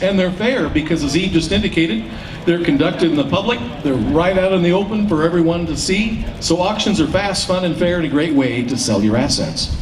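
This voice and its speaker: A man hosting a public event, explaining things to an audience in a folksy way. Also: sits high. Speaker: auctioneer and event emcee. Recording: roomy PA sound, distant, faint noise.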